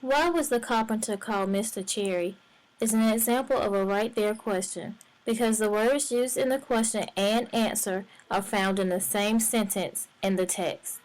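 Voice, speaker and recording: A woman teacher narrates a reading lesson, explaining each step clearly and at a measured pace. Her voice sits at a medium pitch. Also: rough recording. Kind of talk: instructional narration.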